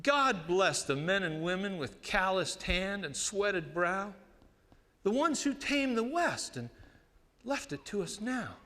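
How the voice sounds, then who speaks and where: Male cowboy poet, higher-pitched Western twang, folksy and unhurried delivery with dramatic pauses, recitation in a reverberant hall. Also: sing-song, bright, forceful tone. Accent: American West cowboy twang. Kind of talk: cowboy poetry recitation to an audience.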